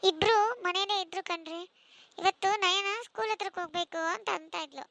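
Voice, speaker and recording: A woman's voice: very high voice, a little fast, no room sound, studio quality, exaggerated voice. A woman doing a devoted village mother. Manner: gentle homely storytelling talk. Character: village mother of two, warm, devoted wife. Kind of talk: family cartoon story voicing.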